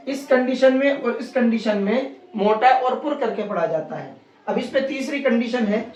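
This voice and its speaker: A Quran recitation teacher giving a slow, step-by-step tajweed lesson, spelling out letters and vowel marks one by one and then repeating the joined word, with frequent rhetorical questions. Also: mid-range voice. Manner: patient, repetitive explaining with frequent rhetorical questions. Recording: roomy, distant and dull-sounding.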